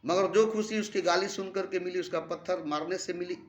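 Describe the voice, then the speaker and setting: A man voicing God as a wounded, angry deity who rises to loud, aggrieved outbursts, in a roomy recording. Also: sits high, fairly even intonation, fairly quick, voice pushed up, lightly acted. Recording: roomy echo.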